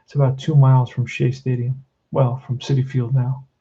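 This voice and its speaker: A man in his sixties with a Queens, New York accent gives an off-the-cuff tabletop baseball tutorial, blunt and plain-spoken, calling the listener "man." His mid-range voice is warm and slightly rough, with a flat delivery at normal speed. The recording has its highs cut off.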